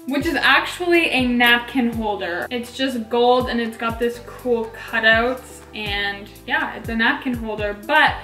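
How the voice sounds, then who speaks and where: Woman, late teens, lightly lisping around a dental tray, casual and chatty, slightly high voice, echoey room. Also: measured pace, few pauses, bright, forceful tone. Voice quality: slight lisp from a teeth-whitening tray in the mouth. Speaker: video host. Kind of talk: casual haul vlog chat. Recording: echoey room, music underneath. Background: background music.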